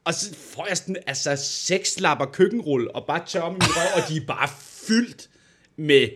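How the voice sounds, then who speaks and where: A man's voice: fairly high pitch, slightly rough. A man co-hosting a podcast, casually telling a personal story and acting out the people in it. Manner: animated storyteller, acts out quoted voices. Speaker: podcast co-host.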